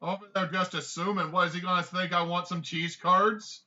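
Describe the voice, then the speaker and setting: A man voicing a cheeky, defensive male ice goblin with a high, folksy, sing-song drawl. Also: fairly even intonation, moderate pace, bright, forceful tone, highs cut off. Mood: indignant.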